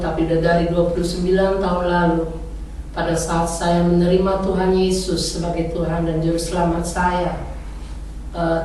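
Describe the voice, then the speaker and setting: A woman's voice: fairly low pitch, darkish tone, a little hiss or hum. A woman in her forties from Indonesia, giving an earnest personal testimony and exhortation as a minister to fellow migrants. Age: 40s. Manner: earnest preaching, growing fervent and emphatic. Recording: very echoey room, mic far off.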